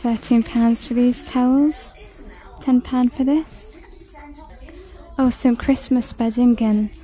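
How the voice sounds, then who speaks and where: A woman chatting through a shopping walk-through in a large store, reading out prices and sometimes dropping to a soft whisper, filmed on a handheld phone. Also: fairly high pitch, fairly even intonation, takes it slowly, soft background music. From United Kingdom. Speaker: shopping vlogger. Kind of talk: casual shop-with-me commentary. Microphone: handheld phone camera.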